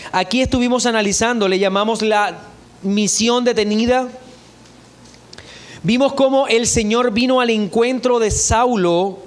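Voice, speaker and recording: A male pastor whose voice sits unusually high for a man preaches a sermon in church. Moving through scripture at a steady, measured pace, he reads the verses out loud.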